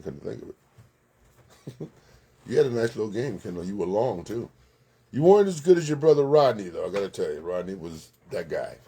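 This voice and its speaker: A man's voice: mid-range voice, warm tone, breathy edge. A man hosting a local sports recap, chatting casually, giving blunt opinions and greeting viewers by name. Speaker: sports show host. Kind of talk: casual live sports commentary.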